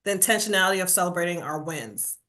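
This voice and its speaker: A Jamaican-born woman with a New York accent, guesting on a podcast as a burnout coach, speaks in a lowish voice and talks fast. It's a casual conversational interview, and she tells stories animatedly, acting out quotes and tacking "right?" onto nearly every line.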